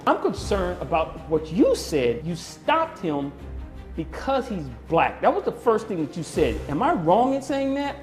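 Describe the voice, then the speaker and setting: A man's voice: high-pitched, sing-song, unhurried, faint music behind. A man presiding as a judge, questioning people in a formal, firm manner. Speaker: TV court judge. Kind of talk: courtroom questioning.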